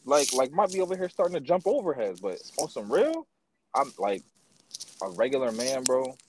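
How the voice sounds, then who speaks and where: A man co-hosting a podcast, telling stories at a slow, drawn-out pace in slang-heavy casual chat. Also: medium pitch, very animated, darkish tone, slight background noise.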